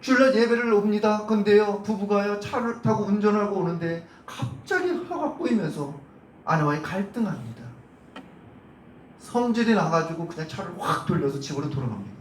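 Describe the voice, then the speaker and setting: A male pastor preaching a Sunday sermon, acting out crowd shouts and quizzing the congregation. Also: high-pitched. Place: church sanctuary. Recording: roomy church sound from a distant mic, faint hum.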